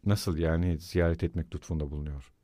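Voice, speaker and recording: Guy reading as an agitated young student, sharp clipped questions, dry sound. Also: rumbling low, fairly even intonation, brisk, no echo, voice pushed down. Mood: tense. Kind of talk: audiobook character reading.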